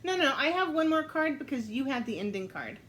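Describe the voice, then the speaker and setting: A woman telling a story aloud while playing a storytelling card game, unhurried and thinking aloud, often breaking into laughter. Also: high-pitched, sing-song, fairly bright tone, a little hiss or hum, poor audio. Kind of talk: casual storytelling game play.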